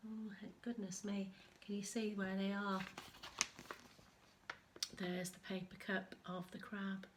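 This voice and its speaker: As an infant school storyteller, a woman expressively reads a picture book aloud to young children, pausing to explain along the way. Her mid-range voice keeps a level tone, with background noise present.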